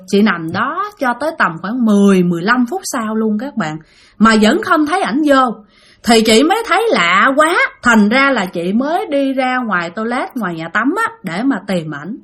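A woman's voice: fairly high pitch, fairly bright tone, husky. A woman with a Southern Vietnamese accent telling a spooky story in a chatty way, speaking straight to her listeners. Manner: chatty, addresses listeners directly. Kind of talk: spoken ghost story narration.

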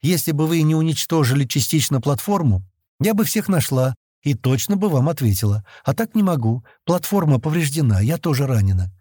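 A wounded young woman pilot speaks faintly and weakly, put on by a male audiobook reader. Her voice is raised well above his own, with lively swings in pitch, and the recording is dry and close. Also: fairly quick, dry recording. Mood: calm. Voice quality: weak, faint. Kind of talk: audiobook reading.

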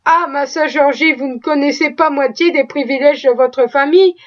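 Woman reader as a talkative, pious cook with a high voice, folksy and full of exclamations, on a dull lo-fi recording. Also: normal speed, close to an everyday voice. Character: proud, chatty, pious female cook.

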